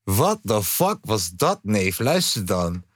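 A man's voice: on the low side, sing-song, slow pace, dry recording, clean studio sound. Slangy man chatting casually. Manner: slangy, drops English words. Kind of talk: casual chat.

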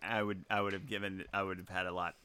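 A man's voice: low voice, little pitch movement, fast, bright, forceful tone, clean tone. A man hosting a podcast, chatting casually about music in a wry, opinionated way and laughing easily. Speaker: podcast host.

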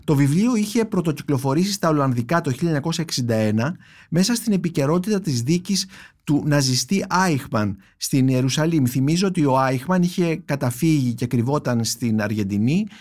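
A man reading a translated poem aloud in a measured, reflective way, then recommending books on his podcast with many thoughtful pauses and fillers. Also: fairly high pitch, lively intonation, a little mellow. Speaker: podcast host, book critic.

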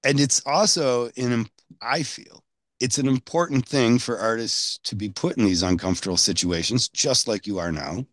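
A man hosting a casual interview, rambling with halting restarts. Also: medium pitch, no room sound. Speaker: podcast host.

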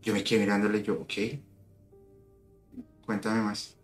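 A man's voice: lowish voice, completely flat delivery, unhurried. A man telling a story in casual conversation, recounting events in detail and acting out the dialogue. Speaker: guest. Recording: echoey room with soft music.

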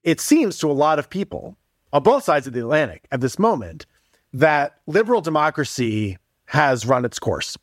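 Slightly high-voiced man, dry close sound. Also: very animated, moderate pace, no echo. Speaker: journalist and author interviewed as guest. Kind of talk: casual explanatory interview talk. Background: music.

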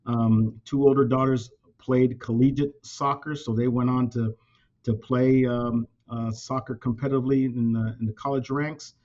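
A man in his fifties who grew up in California speaking Spanish natively talks casually as a company president in an interview, with plenty of fillers and restarts. His medium-pitched, darkish voice barely shifts in pitch and keeps a moderate pace. The recording sounds dull and lo-fi.

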